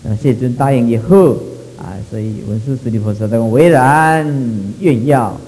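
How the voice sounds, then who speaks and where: A man with a Taiwanese accent giving a Buddhist sutra lecture, stretching his phrases, peppering them with drawn-out fillers and slipping into Hokkien. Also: mid-range voice, mellow, big-room sound, rough recording. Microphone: microphone.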